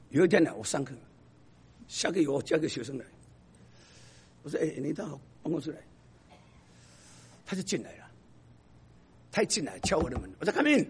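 A man who is a professor, telling stories to an audience in an emphatic, animated way that drops to a hush for the sad parts. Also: a little high, slightly rough. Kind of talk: storytelling talk to an audience.

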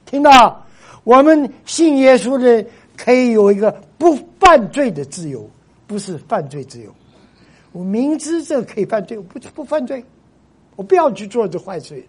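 A man's voice: extremely high pitch, sing-song, moderate pace, husky. A male pastor preaching a sermon to his congregation. He stresses points by repeating himself and often drops English phrases into his Chinese.

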